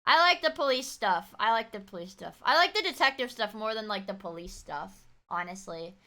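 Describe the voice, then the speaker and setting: A woman livestreaming casual chat and slangy, expressive commentary with mocking asides. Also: mid-range voice, fairly quick. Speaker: streamer reacting to true-crime videos.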